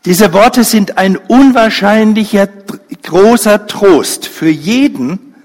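A man preaching a sermon, telling a story dramatically and briefly acting out the people in it. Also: slightly rough. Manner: slow, pausing delivery with wide pitch swings. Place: church hall. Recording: reverberant church hall.

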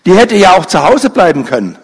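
Husky guy preaching slow in a church hall, voice swings up and down a lot, long echo. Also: sing-song. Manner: dramatic storytelling, acting out voices; slow, pausing delivery with wide pitch swings. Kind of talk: sermon.

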